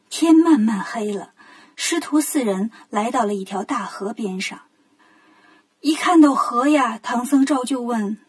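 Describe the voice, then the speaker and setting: Breathy, high-voiced woman storyteller. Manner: gentle, expressive, clearly paced. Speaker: children's storyteller. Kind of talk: children's storytelling.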